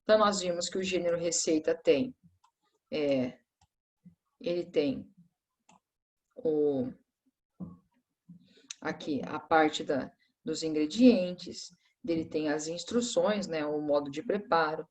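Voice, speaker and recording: A woman's voice: deep voice, slow pace, pauses often. Lady teacher going over a review, patient, keeps checking in with the class. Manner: patient, explanatory, frequent tag questions.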